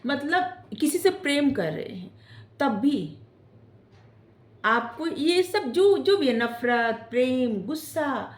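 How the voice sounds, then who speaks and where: A woman tarot reader giving gentle spiritual advice, often checking in with "theek hai?" as she talks. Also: high-pitched, sing-song, slow pace, reverberant. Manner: gentle coaching tone, ends phrases with "theek hai?". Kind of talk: casual spiritual advice talk.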